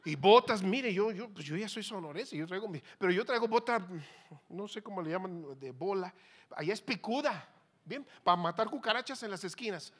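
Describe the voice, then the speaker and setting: A man preaching a lively sermon with a Mexican accent, swinging from soft to loud and acting out voices. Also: high voice, moderate pace.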